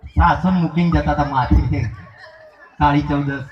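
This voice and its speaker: A man's voice: on the high side, normal speed, slight background noise. A man with a Gujarati accent tells jokes to a live crowd and switches into voices for his characters. His voice rings through a roomy space. A crowd is heard behind him, and the recording sounds dull. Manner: animated, acts out characters in put-on voices. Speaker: stage comedian and event announcer. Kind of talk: live stand-up joke telling.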